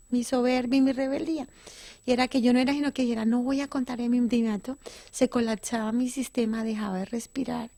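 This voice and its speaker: A woman's voice: a little high, creaky, a little mellow. A middle-aged woman giving an earnest, emotional personal testimony in an interview, often restarting and correcting herself.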